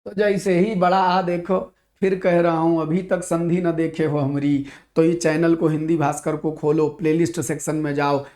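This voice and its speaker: Sir from up, animated grammar lecture, keeps asking and answering his own questions. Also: a little high. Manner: lively, rhetorical, acts out student questions. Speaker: Hindi teacher. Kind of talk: exam-prep lecture.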